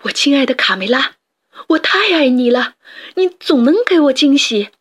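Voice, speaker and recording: A woman voicing a proud, excitable rooster father in a storybook, loud and blustering. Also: high voice, moderate pace, pitched above the performer's own voice. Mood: doting.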